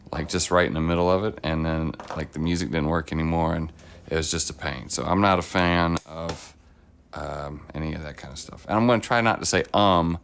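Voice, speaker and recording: A middle-aged streamer with a gravelly low voice, rough and deepened as he recovers from illness, chats casually at a home table while painting miniatures. He's rambling, upbeat and self-deprecating. His phone sits on a clamp arm as the mic, giving a slightly bright sound with faint background noise.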